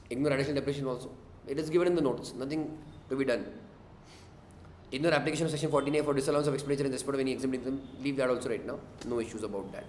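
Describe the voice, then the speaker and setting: A man's voice: mid-range voice, darkish tone. A man with an Indian accent teaching an interactive class as a tutor, prodding students with questions and short checks. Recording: echoey room with faint noise.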